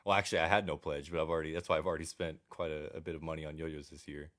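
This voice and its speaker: A man with a strikingly deep, bassy voice co-hosts a casual podcast. He sounds laid-back and chats informally, often in short phrases of agreement. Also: flat delivery, rapid-fire, fairly bright tone. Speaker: podcast co-host. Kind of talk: casual chat.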